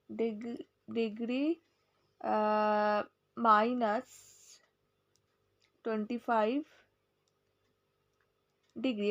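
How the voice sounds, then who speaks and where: A high-pitched woman with a Bengali accent, a little under the weather, speaking softly as she teaches a science class. She reads questions out, then works through them step by step and asks students whether they follow. The recording sounds dull and lo-fi. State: slightly unwell, speaking softly. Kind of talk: explaining a science lesson.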